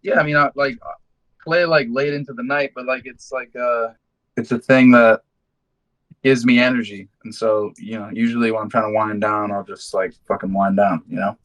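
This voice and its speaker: A band musician in his twenties, born in London and living in the United States since high school, chats casually in an interview, telling stories in a laid-back, slangy, sweary style. His mid-range, fairly bright voice keeps fairly even intonation at a moderate pace, and the recording is rough.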